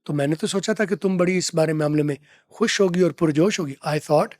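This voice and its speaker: A man teaching English from film dialogue, repeating phrases slowly to drill pronunciation. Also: on the high side, a little mellow, no room sound, clean studio sound. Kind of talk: lesson explaining film dialogue.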